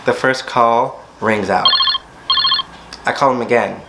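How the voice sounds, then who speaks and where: A young man telling a storytime vlog story, dramatic, acting out quotes and jumping into sudden high squeals. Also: takes it slowly, heavy background noise. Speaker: vlogger.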